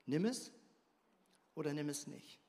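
A man with a fairly high voice delivers a sermon, reading scripture with dramatic flair and breaking off for playful comments. His voice carries a long reverb from the church hall around him. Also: animated, measured pace, warm tone. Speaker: preacher.

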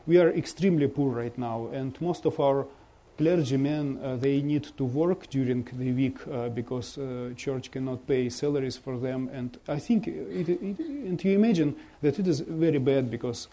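A man from Russia with a Russian accent gives an informal slideshow talk as a visiting bishop, speaking halting non-native English and searching for words. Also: mid-range voice, mellow. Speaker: bishop giving a guest presentation.

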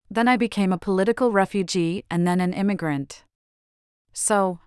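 Older woman, smooth measured voice. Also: lowish voice, no echo, studio quality. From Chile. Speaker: author being interviewed. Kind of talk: reflective interview answers.

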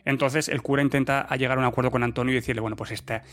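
A man's voice: medium pitch, flat delivery, very fast, a bit bright. Male co-host, conversational recapper who drives the story with questions. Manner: leads the recap, asks rhetorical questions. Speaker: podcast co-host. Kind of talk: casual chat reviewing a TV series.

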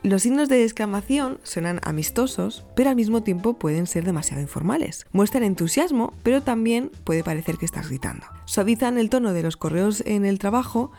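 A woman's voice: medium pitch, expressive, fairly quick, few pauses, warm tone. A young woman with a Spain Spanish accent hosting a podcast, chatty and emphatic, with playful self-mocking asides. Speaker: podcast host. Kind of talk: chatty scripted podcast monologue. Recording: faint music behind the voice.

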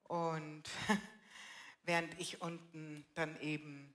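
Low-pitched, slow and showing little pitch movement, with a bit of brightness, an older woman gives blunt, colloquial personal testimony in a casual interview. She frequently closes her sentences with "ne," speaking at a live church event with an audience.

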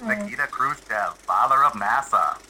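A man doing an old-time newsreel announcer voice to read headlines aloud, in a slow, sing-song delivery. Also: mid-range voice, sing-song, sharp tone, a little hiss or hum, rough recording. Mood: mock-grand. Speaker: podcast co-host.

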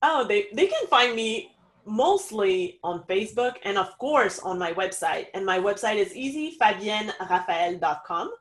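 A woman's voice: medium pitch, animated, measured pace, a bit bright. Woman chatting as a guest. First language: French. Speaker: interview guest, podcast host. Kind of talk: conversational personal anecdote and advice.

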